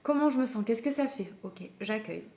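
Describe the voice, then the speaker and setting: A woman's voice: on the high side, animated, a little fast, warm tone. A woman parenting coach giving a live masterclass, talking conversationally and encouragingly to her listeners, with frequent hesitations and restarts. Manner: addresses the listeners directly and invites them to act. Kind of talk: live online masterclass talk.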